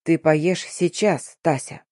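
An audiobook reader voicing a patient, tender middle-aged father with a slow, calm delivery. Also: mid-range voice, no echo, clean studio sound. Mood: firm. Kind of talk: audiobook reading.

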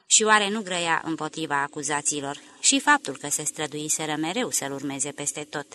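Low-voiced woman reading an audiobook. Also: pushed and bright, slight background noise. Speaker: audiobook narrator. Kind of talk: scripted narration.

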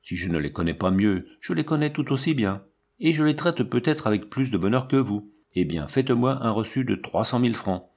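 A man voicing a cool, composed banker's wife who speaks with calm, dignified irony. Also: medium pitch, fairly quick. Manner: calm, dignified, quietly ironic.

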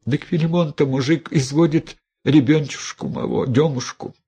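A man's voice: fairly high pitch, steady tone, moderate pace, warm tone, breathy edge, pitched above the performer's own voice. A man voicing a pleading, wailing peasant woman who stammers and speaks in rustic dialect. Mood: anxious confession.

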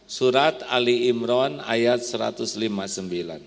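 A man preaching an emotive sermon, dropping to a hush and then rising to loud questions. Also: mid-range voice, normal speed, creaky. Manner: emotive, swinging from soft to loud. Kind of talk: sermon to women. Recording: long hall reverb.

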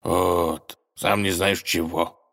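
A man voicing a huge three-headed dragon villain who grumbles slowly in a soft, mild voice. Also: low-pitched, flat delivery, exaggerated voice. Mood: grumbling. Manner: slow, drawn-out, grumbling. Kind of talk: storybook character voice.

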